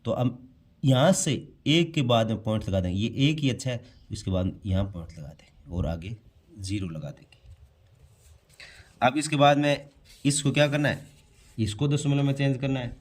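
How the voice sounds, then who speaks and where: A man's voice: mid-range voice, normal speed, pauses often. A man explaining a primary-school math lesson step by step, posing questions and answering them himself. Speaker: math teacher. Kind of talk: classroom-style math lesson explaining on a board.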